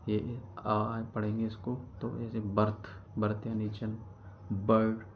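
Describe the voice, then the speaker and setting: Here the grammar teacher's low, monotone voice moves a little slowly as he explains each step, circling back to key terms and answering his own questions. The sound is lo-fi and dull, with noise in the background.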